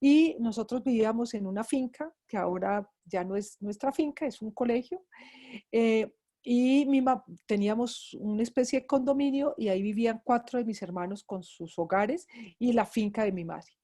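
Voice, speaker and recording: A middle-aged Colombian woman with an Antioquian accent tells a class about her own grief. Her voice sits a little high yet sounds mellow and soft-edged. She speaks with feeling and repeats words to drive each moment home. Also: moderate pace. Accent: Antioquian Colombian Spanish. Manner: emotional storytelling, repeats words for emphasis. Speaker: grief psychologist teaching a class. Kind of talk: personal testimony in a lecture.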